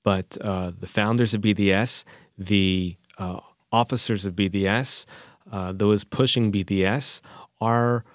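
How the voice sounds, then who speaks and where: A fairly deep male voice, recorded dry. The man is a rabbi giving unscripted answers in a deliberate way, leaning on repetition for emphasis. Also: steady tone, no room sound. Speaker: rabbi, interview guest. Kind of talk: unscripted discussion.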